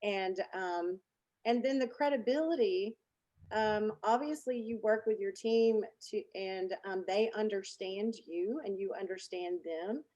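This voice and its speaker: A woman's voice: medium pitch, a little slow, mellow, muffled recording. An American woman guest talking casually about her business, chatty and self-deprecating, with many fillers and restarts. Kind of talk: casual interview chat.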